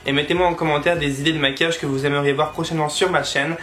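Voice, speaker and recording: A man's voice: on the high side, steady tone, rapid-fire, a bit bright, soft background music. A man chatting through a makeup tutorial as a voice-over, tired and often tripping over his words and correcting himself. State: tired late at night. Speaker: makeup vlogger.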